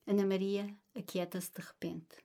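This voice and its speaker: Woman narrating a literary story. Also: mid-range voice. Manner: measured, expressive storytelling.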